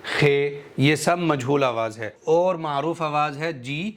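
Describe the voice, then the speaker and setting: Man, Urdu accent, Quran teacher, smooth clear voice, slow syllable drills. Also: fairly high pitch. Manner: slow drawn-out letter drills between quick explanations. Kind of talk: spoken tajweed lesson.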